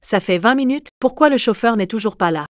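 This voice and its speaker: An actress dubbing a feisty, sharp-tongued young waitress in a drama series, blunt and teasing. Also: female voice, fairly high pitch, animated, brisk, dry recording, natural voice. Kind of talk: French dub of a drama series.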